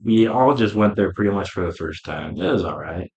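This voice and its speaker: A man's voice: fairly low pitch, lively intonation, fairly quick, vocal fry, dull audio. Laid-back young man, echoey room. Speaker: podcast co-host. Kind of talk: casual chat.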